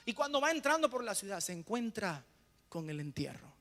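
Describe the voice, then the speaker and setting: A male pastor preaches a sermon, asking rhetorical questions and pausing so the congregation can call back the answers. His high-pitched, sing-song voice swings between hushed lines and loud, emphatic bursts, with a big-room sound.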